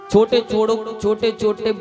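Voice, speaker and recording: A man tells a devotional tale in a high, slow, sing-song voice. His voice rings through an echoey hall. Live instrumental music plays clearly behind him. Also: completely flat delivery, dark tone. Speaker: kathavachak (religious storyteller). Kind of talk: devotional scripture storytelling. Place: religious gathering hall.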